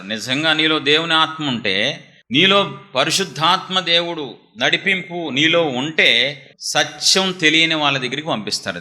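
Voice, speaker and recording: A male preacher whose voice is piercingly sharp and forceful. He scolds and drives his points home with rhetorical question after question. He preaches an insistent sermon. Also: medium pitch.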